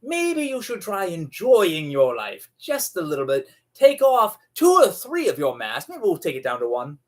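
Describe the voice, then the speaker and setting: A man hosting a tarot video, delivering a dramatic, sarcastic monologue that swings between loud declarations and hushed asides. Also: high voice, huge pitch swings, moderate pace. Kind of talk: theatrical monologue to camera.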